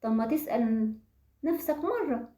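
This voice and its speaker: Woman, Egyptian accent, motivational talk, rhetorical questions, mellow voice, roomy echo. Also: on the high side, lively intonation, moderate pace. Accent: Egyptian Arabic. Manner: asks the listeners rhetorical questions; addresses the audience directly. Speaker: self-awareness speaker.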